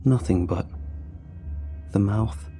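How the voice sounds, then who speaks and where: A man reading a scripted horror story aloud in a slow, hushed and deliberate manner. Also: on the low side, soft background music. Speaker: narrator.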